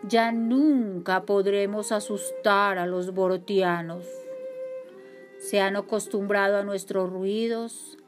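A woman from voicing the oldest, wisest ghost, who speaks in a slow, solemn, defeated way. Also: mid-range voice, fairly even intonation, soft background music, natural voice. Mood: resigned.

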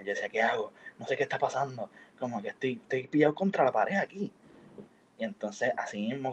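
A man's voice: on the low side, highs cut off, a little hiss or hum. A young man, telling a story in slangy, emotive casual chat as a podcast host. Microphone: headphones on, studio mic.

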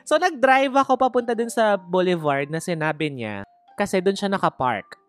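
A woman telling a candid personal story in a playful, gossipy way, with dramatic asides to the listener. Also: sits low.

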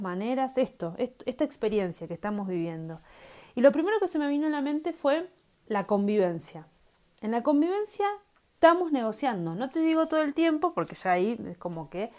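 Rioplatense woman doing a chill solo podcast, thinking out loud, lots of fillers and "¿no?". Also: on the high side. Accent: Rioplatense Spanish. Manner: conversational, many fillers and rhetorical "¿no?" tags. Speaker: podcast host. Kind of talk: reflective solo podcast talk.

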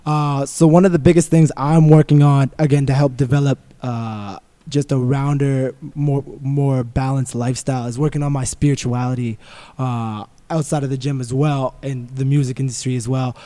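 A man's voice: medium pitch, fairly even intonation, normal speed, dark tone. A man chatting casually on a podcast, easygoing and slangy. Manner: easygoing, laid-back slang.

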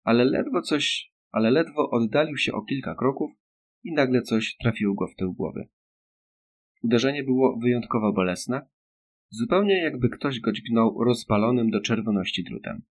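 A man narrating an audiobook in a steady, measured reading. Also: mid-range voice. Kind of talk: scripted narration.

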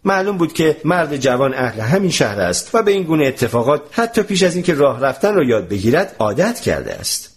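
A man narrating a translated storybook in an expressive, animated reading voice. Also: a little high, hardly any pauses.

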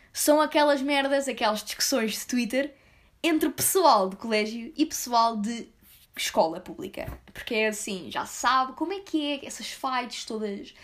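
A woman with a European Portuguese accent, ranting casually and bluntly to her viewers in a slangy, rambling way with sudden emphatic outbursts. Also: fairly high pitch. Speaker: vlogger.

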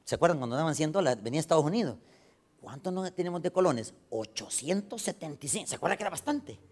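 Animated preacher man. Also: fast. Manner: animated, swinging from loud exclamations to low asides. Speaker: pastor. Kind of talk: storytelling sermon.

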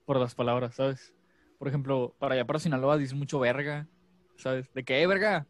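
A man's voice: mid-range voice, level tone, a little fast, dry recording. A man chatting casually and jokingly, telling things in profane slang. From Monterrey, northern Mexico. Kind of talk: casual chat.

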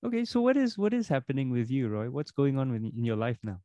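A man's voice: mid-range voice, animated, quick pace, dark tone, dry recording. A man presenting a podcast and interviewing a guest as its host. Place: indoors, in front of a bookcase.

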